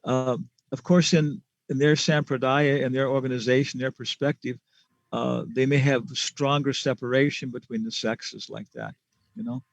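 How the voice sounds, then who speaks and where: A man's voice: mid-range voice, steady tone, normal speed, gravelly, no room sound. A man answering students' questions in a casual class, rambling with many fillers and chuckles.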